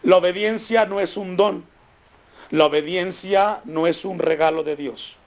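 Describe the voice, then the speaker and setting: A male pastor preaching a sermon, repeating key lines for emphasis, dropping low and soft on them, then praying fervently over the congregation. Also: measured pace. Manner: raised, fervent pleading in prayer. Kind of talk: sermon with closing prayer. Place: church congregation.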